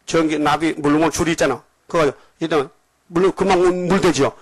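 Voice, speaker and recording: An older male pastor delivers a lively sermon and keeps quizzing his congregation. His voice sits a little high for a man. The sound is close and dry, with almost no room echo. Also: fairly quick, slightly rough. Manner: animated, questioning the congregation.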